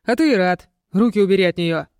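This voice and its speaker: A woman voicing a jealous young male werewolf student who bosses and scolds loudly. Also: medium pitch, normal speed, no echo, clean studio sound, lightly acted. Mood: indignant. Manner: bossy, indignant, commanding.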